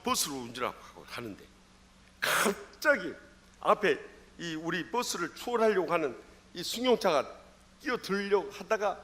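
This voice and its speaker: A middle-aged Jeolla-accented pastor delivers his sermon in a church sanctuary. His voice is fairly high and bright, with a lively, wide-ranging pitch. He tells stories animatedly, dropping into low asides between loud calls. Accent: Jeolla Korean. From Jeolla, South Korea.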